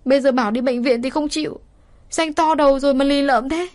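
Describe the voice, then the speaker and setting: Lady putting on a high teary young woman, begging then snapping. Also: little pitch movement, a little fast, close to an everyday voice. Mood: scolding. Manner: pleading then scolding, tearful. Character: young woman, worried and fiery.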